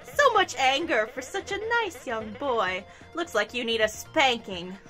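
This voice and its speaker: A smug female villain, taunting in a theatrical, condescending way, as a woman reads her lines aloud. The voice sits high and swings widely in pitch, and it has a bright edge. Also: sing-song, unhurried, faint music behind, heavily acted. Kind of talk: reading game dialogue aloud.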